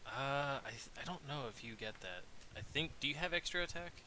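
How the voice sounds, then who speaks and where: A man narrating as dungeon master in a tabletop game, talking in a relaxed, rambling way with many fillers. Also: mid-range voice, fairly quick, rough recording. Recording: faint hiss.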